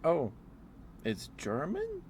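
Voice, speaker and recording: With a slightly high, darkish voice and huge pitch swings, this ASMR streamer takes it slowly, rambling warmly and apologetically to his live viewers. You can clearly hear background noise and typing on a keyboard.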